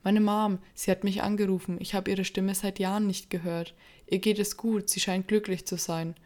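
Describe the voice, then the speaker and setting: A woman voicing an eager, excitable young woman in a horror story reading. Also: medium pitch, moderate pace, lightly acted. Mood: moved. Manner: eager, indignant.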